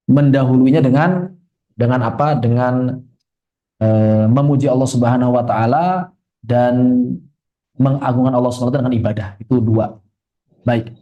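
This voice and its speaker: A man from Indonesia giving a religious study lecture, joking and quizzing his class, slowly chanting Arabic verses. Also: medium pitch, muffled recording. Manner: joking, conversational teacher asking the class questions. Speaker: Islamic teacher.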